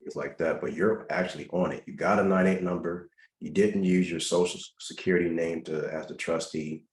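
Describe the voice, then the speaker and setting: A man's voice: deep voice, fairly even intonation, normal speed, echoey room. A man hosting a video-call Q&A, giving instructive advice to callers and stressing his points by repeating them. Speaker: host answering caller questions.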